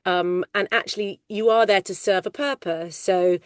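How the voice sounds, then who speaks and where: A middle-aged woman working in film casting, talking loudly and animatedly in a casual interview. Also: medium pitch, moderate pace, clean tone, no room sound, studio quality. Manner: loud, animated, chatty storyteller. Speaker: ADR casting coordinator.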